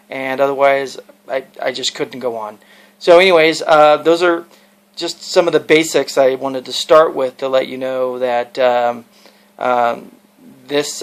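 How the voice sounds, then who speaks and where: Man, casual vlog monologue, gravelly creaky voice, rambling, earnest, advice-giving. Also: medium pitch. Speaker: video blogger.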